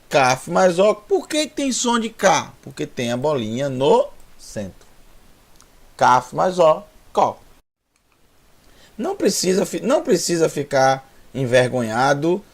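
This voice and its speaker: A man with a Brazilian Portuguese accent teaching a Hebrew lesson online, drilling sounds slowly and repeating them. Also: a little high, gravelly, darkish tone. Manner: slow, repetitive drilling of sounds, with restarts.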